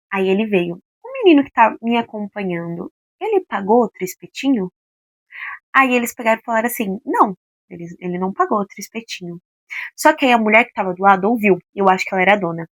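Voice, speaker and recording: A young woman from Brazil in her twenties, telling a personal story to her followers in a casual, expressive way and acting out what each person said. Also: on the high side, no echo. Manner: expressive, animated, acts out quoted lines. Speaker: vlogger.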